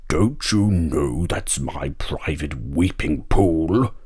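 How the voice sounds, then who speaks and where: A man voicing a grumpy old male rhinoceros for a storybook, with a deep, aggrieved, self-pitying voice and slow, drawn-out words. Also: expressive, darkish tone, husky, dry recording, studio quality, exaggerated voice. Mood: angry. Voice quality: deep, angry voice.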